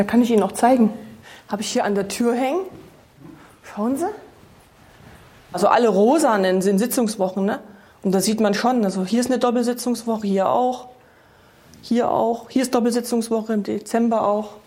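A woman's voice: fairly high pitch, steady tone, normal speed, long pauses, mellow. A woman who is a member of parliament, chatting and telling stories in a documentary interview. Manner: chatty, storytelling.

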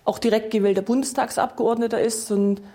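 A woman's voice: fairly high pitch, fairly even intonation, brisk, mellow. A woman who is a member of parliament, chatting and telling stories in a documentary interview. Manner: chatty, storytelling.

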